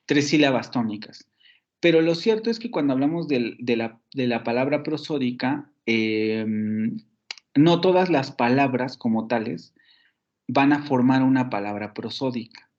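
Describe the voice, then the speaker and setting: A Mexican man with a Mexican Spanish accent teaches a university phonetics class online, explaining slides in an animated, medium-pitched, slightly slow and mellow voice. He is patient, repeating words, correcting himself and using fillers like "ujú", on a slightly muffled lo-fi recording.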